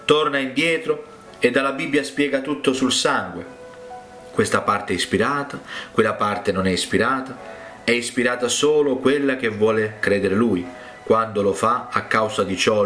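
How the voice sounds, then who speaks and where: A man's voice: medium pitch, normal speed, fairly bright tone, echoey room, faint music behind. A man preaching a sermon, telling stories with emphatic rises to stress his points.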